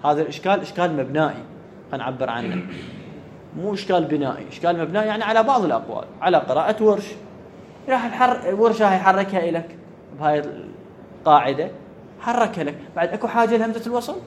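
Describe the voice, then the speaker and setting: A man's voice: high-pitched, animated, racing, slight background noise. A man giving a classroom grammar lecture, often checking whether his students follow and repeating the key words. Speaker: teacher of Arabic grammar.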